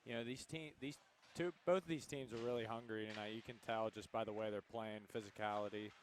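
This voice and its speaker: Relaxed young male hockey commentator. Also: fairly low pitch, fairly quick, slight background noise. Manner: relaxed, hesitant analysis with fillers. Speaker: color commentator. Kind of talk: student sports commentary.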